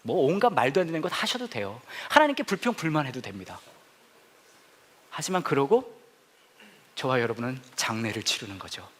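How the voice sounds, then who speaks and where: A man preaching a humorous sermon as a pastor, telling stories playfully with sudden loud exclamations, in a church hall. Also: medium pitch, very animated, fairly quick, pauses often. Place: church hall with a laughing congregation.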